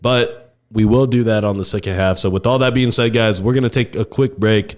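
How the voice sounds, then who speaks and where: Low-voiced American man hosting a podcast. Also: fairly even intonation, fairly quick. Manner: profane, bantering. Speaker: podcast host. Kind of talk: casual podcast chat.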